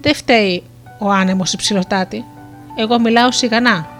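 A woman's voice: mid-range voice, faint music behind, close to an everyday voice. A woman voicing a shy young fisherman. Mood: polite. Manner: soft-spoken and courteous.

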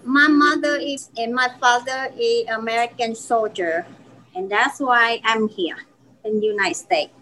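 Woman, forties, Vietnamese accent, slightly high voice, earnest, restarts sentences, podcast guest. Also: measured pace, sharp tone, slight background noise, poor audio. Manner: earnest storytelling with frequent restarts. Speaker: restaurant owner. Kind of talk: podcast interview.

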